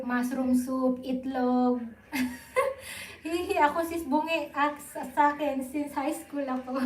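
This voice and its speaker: A woman's voice: high-pitched, echoey room, rough recording. A young woman with a Filipino accent chatting casually and informally with viewers on a live stream.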